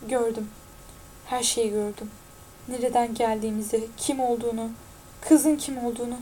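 A woman reading the lines of a frightened teenage boy who speaks slowly and pleadingly. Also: fairly high pitch, fairly even intonation, mellow, slight background noise, lightly acted. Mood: haunted. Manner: slow, haunted, pleading.

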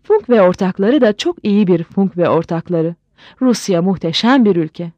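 A woman's voice: medium pitch, lively intonation, normal speed, dark tone, no room sound, lo-fi sound, lightly acted. A woman voicing a heartbroken, drunk middle-aged German husband who rants and sobs in a storybook reading. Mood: gushing. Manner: sobbing, ranting, then gushing.

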